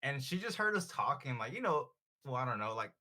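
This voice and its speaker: Bright, slangy Californian bro guy. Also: medium pitch, very animated, a little fast. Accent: Californian, Bay Area. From born in Southern California, raised in Richmond, California. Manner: slangy frat-bro talk, full of "like" and swearing. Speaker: podcast guest. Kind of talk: casual chat and storytelling.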